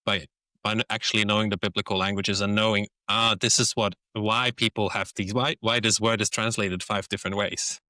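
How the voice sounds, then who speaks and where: A Danish podcast host with a Danish accent leads a relaxed, casual conversation in a low voice that still has a bright, forceful edge. Speaking briskly, he thinks aloud and restarts phrases while hunting for words, and there's no echo.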